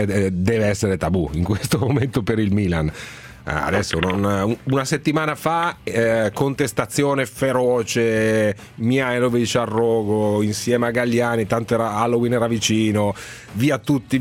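A man's voice: medium pitch, normal speed. A man hosting sports radio in casual chat, with an ironic, bantering way of talking.

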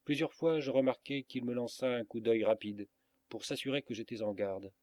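A man reading a storybook aloud as narrator, in a measured, dramatic manner. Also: medium pitch, darkish tone, dry recording. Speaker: audiobook reader.

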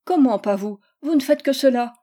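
Woman doing a bossy jolly baroness, high. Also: animated, moderate pace, warm tone. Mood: teasing, bossy. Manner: bossy, teasing, commanding.

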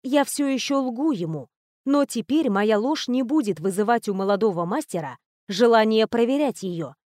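A woman narrating a first-person audiobook in a measured, wry storytelling manner. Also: fairly high pitch, lively intonation, darkish tone, dry recording, clean studio sound.

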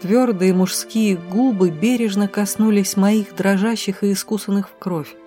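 A woman narrating a first-person audiobook with an expressive, dramatic reading. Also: mid-range voice, measured pace, faint music behind.

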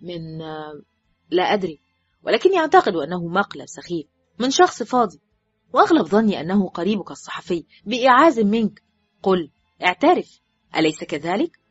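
A woman's voice: lowish voice, very animated, a little fast, pauses often, slightly rough, dry recording. A woman reading a dry, irritated surgeon. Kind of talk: audiobook character voice. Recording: dull, dry recording with faint music.

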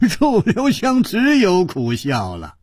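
A man's voice: high-pitched, huge pitch swings, takes it slowly, darkish tone, slightly rough, no echo, clean studio sound. A man narrating a martial-arts story in a dramatic traditional storytelling style, with asides to the listener. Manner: dramatic, with rhetorical asides and sighs.

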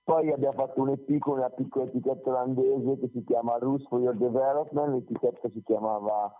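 A man heard over a phone call, his voice squeezed thin and tinny by the line. He answers interview questions as a band's singer, at a middle pitch, rambling loosely and often correcting himself mid-thought. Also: fairly even intonation, quick pace, faint music behind. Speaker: singer of a band, interview guest.

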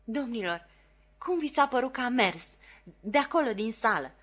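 A woman's voice: fairly high pitch, lively intonation, fairly bright tone, breathy edge, voice pushed up. A woman voicing a vain, pompous male stage actor speaking with a superior air. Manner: pompous, self-important.

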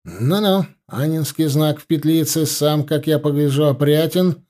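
A man's voice: on the high side, unhurried, mellow, lightly acted. A man voicing a strict young male ensign who barks orders with scorn. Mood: scornful.

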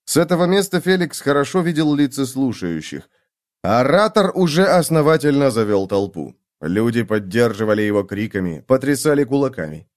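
Male audiobook narrator, fantasy novel, lively varied pitch, expressive storytelling. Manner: expressive storytelling, voices each character.

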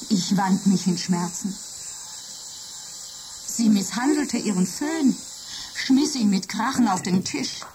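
Woman doing a clingy jealous office computer, soft whispery voice, radio play. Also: mid-range voice, natural voice. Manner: soft, intimate, often whispering. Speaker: computer character. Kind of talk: radio drama acting.

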